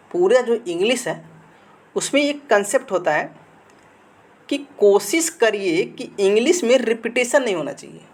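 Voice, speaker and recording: A male grammar teacher giving a slide lesson. He keeps asking the students questions and answers them himself, repeating key words. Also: high voice. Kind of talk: classroom-style lesson with slides.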